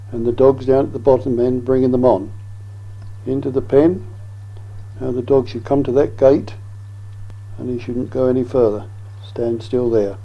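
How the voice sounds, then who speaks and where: A man's voice: mid-range voice, dark tone, highs cut off. An older man giving informal instruction as a sheepdog trainer, explaining things in a plain-spoken, rambling way. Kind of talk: informal instructional commentary and advice. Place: outdoors in a field. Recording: distant mic, outdoor ambient noise.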